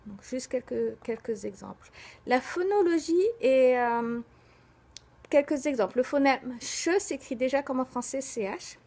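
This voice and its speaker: A young woman giving a recorded slide presentation, pausing often with fillers and spelling words out letter by letter. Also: high-pitched, animated, a little mellow. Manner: hesitant, frequent filler pauses.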